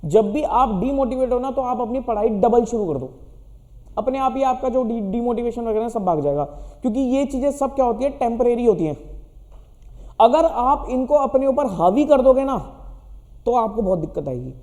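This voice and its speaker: A man speaking to students in a direct motivational talk, asking questions and then answering them. His voice sits high but has a mellow, warm tone. A long reverb trails after his words. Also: lively intonation, moderate pace. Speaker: teacher.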